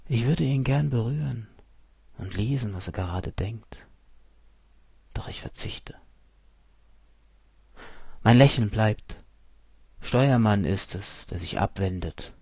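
A man narrating a story in the first person, calm, cold and measured. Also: fairly low pitch, creaky, slightly rough, no echo.

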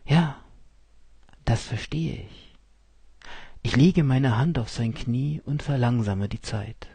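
Brief: a male first-person narrator, cold and measured, slow and dry-voiced. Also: mid-range voice, vocal fry, mellow, husky, no room sound.

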